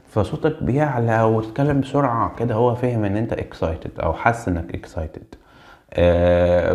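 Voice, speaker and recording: Low gravelly Egyptian man teaching English. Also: darkish tone. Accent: Egyptian Arabic. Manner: reads English sentences slowly, explains in quick colloquial Arabic. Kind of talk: exam vocabulary lesson. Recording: dull lo-fi sound.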